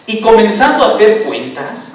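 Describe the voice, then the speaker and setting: A male pastor preaching a sermon, animated and acting out voices in the parable while questioning the congregation. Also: high voice, normal speed. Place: large church hall. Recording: echoey church hall from far off.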